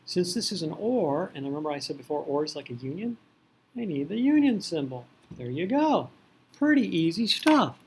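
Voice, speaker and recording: Male algebra teacher, slightly high voice, playful and jokey, talks to the class through a video. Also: very animated, brisk, darkish tone, slight background noise. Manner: playful, joking, teasing the class. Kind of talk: recorded video math lesson.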